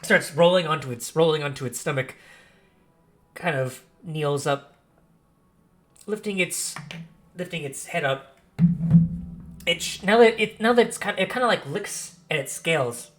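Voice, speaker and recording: This game master's voice is a little high and fairly bright, and he moves at a measured pace with long pauses. Over background music, he improvises narration for a tabletop fantasy game, frequently restating and rewording what he describes.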